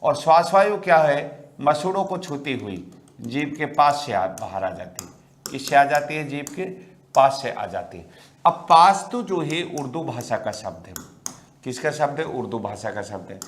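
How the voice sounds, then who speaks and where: A man's voice: mid-range voice, animated, moderate pace. A middle-aged man teaching an exam-prep grammar lecture, often asking rhetorical questions and repeating key words for emphasis.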